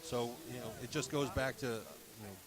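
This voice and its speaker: A man's voice: mid-range voice, moderate pace. A man representing a bat company, speaking in a casual broadcast interview and filling his talk with "you know" and "um". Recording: crowd noise behind.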